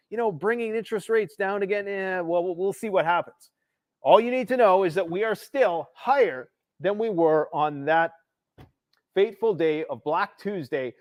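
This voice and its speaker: A man's voice: high-pitched, dry recording. Ranting man hosting a political livestream. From Canada. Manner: ranting, emphatic, sarcastic. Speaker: livestream host.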